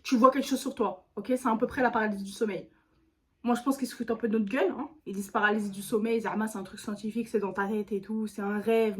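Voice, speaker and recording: A woman YouTuber telling a storytime to her viewers in a chatty, slangy way, speaking straight to the camera. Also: a little high. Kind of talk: casual storytime vlog.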